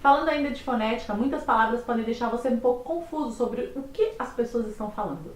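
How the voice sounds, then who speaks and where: A friendly woman with a somewhat high voice talks directly to her viewers in a casual explainer chat. She is set back from the mic in an echoey room. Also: fast talker, far from the mic. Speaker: co-host.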